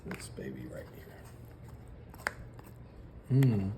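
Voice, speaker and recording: A man's voice: deep voice, very animated, extremely slow, reverberant, very noisy. A man hosting a home cooking video, walking through each step in an easygoing, jokey, folksy way. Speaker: cooking show host. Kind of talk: casual cooking demonstration.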